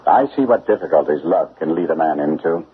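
An extremely low, husky, exaggerated voice belongs to an actor voicing a confident, shrewd detective in an old radio drama. Brisk and lively in intonation, he explains matters in a precise, formal, incisive way, and the phone-like vintage recording carries faint noise.

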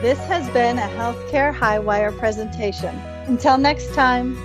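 A woman's voice: on the high side, unhurried, music in the background. A woman hosting a scripted educational podcast interview in a formal, explanatory manner. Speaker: podcast host. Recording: dull, lo-fi podcast audio.

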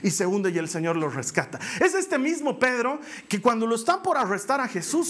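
A man preaching a sermon, telling the story with animated delivery, acting out voices and joking with the congregation. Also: extremely high pitch.

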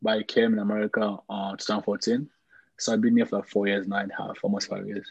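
A young man with a Congolese accent talks in a casual, looping interview style. His voice sits low and has a husky grain. The recording is slightly dull and has a clear room echo. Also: flat delivery, fast. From Congo (DRC), later Malawi. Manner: conversational, repetitive, peppered with "like" and "you know". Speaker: soccer player being interviewed.

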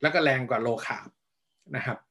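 Male health guest, patient explainer, mid pitch. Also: pushed and bright. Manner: measured, explanatory, frequent polite particles. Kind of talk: explaining diet advice in a panel talk.

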